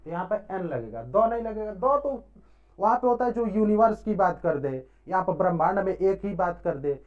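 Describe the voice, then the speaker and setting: A man teaches a grammar lesson in a mellow, soft-toned voice. His pitch swings widely as he poses questions and answers them himself, checking in often. The recording sounds dull and lo-fi. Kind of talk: classroom-style grammar lesson.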